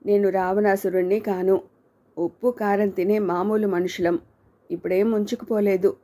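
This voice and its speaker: A sneering, cruel young male villain from an audiobook story, as a woman narrator reads his lines. His taunts come in a mellow, warm voice at an even middle pitch. The delivery stays mocking and scornful throughout. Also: natural voice. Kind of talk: audiobook character reading.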